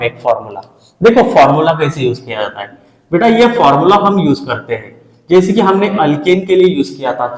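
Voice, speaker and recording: A man teaching a school chemistry lesson, checking in with the students often and slowing right down to spell out formulas. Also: a little high. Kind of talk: classroom chemistry lesson in Hinglish. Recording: echoey room with long reverb.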